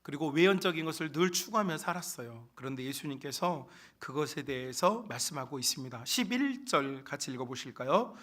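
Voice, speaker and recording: A male pastor preaching a sermon in a church sanctuary. He keeps calling out to the congregation and swings sharply between soft and loud. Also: a little high, animated, fairly quick, few pauses.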